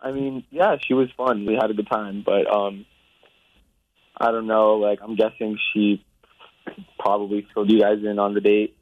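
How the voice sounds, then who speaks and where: A man's voice: lowish voice, little pitch movement, moderate pace, long pauses. A man talking over a phone speaker on a radio show, hesitant and guarded, with many fillers. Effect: heard over a phone speaker. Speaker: radio show call recipient. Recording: tinny phone line on speakerphone.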